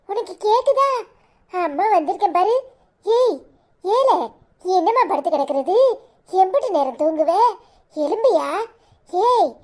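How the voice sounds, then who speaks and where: A woman with a Kanyakumari Tamil accent voicing an anxious village mother who scolds and pleads with her son in a cartoon. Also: very high voice. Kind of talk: cartoon voice acting.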